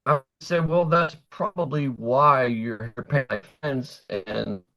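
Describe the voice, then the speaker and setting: A man's voice: mid-range voice, no room sound, muffled recording. Man on a choppy, dropping call. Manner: halting, trails off mid-sentence. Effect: choppy call audio breaking up and dropping out. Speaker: participant on a group video call. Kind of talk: casual group conversation. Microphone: remote call connection.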